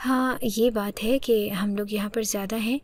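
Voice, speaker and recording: A woman voicing a calm young husband who lectures and coaxes softly in a told story. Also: medium pitch, lightly acted. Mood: coaxing. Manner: soft, coaxing, lecturing.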